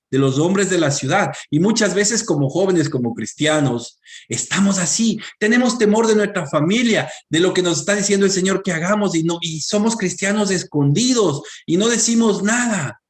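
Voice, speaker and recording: Speaking with a Latin American Spanish accent, a male preacher reads from scripture and talks straight to his congregation. He swings between forceful, loud high points and hushed, low remarks.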